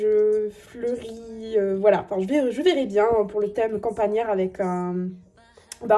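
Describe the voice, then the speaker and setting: A woman's voice: fairly high pitch, warm tone. A young woman with a southern French accent chatting casually as she shows off dolls, gushing with lots of fillers. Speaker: doll collector vlogger. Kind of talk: casual show-and-tell vlog.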